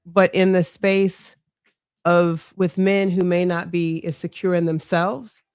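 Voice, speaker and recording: A middle-aged mayoral candidate with a strong voice speaks candidly as an interview guest, earnest, reflective, and measured, often checking in with "right?". Her voice sits on the low side, with a flat delivery and a darkish, clear, resonant tone, in a dry, studio-quality recording.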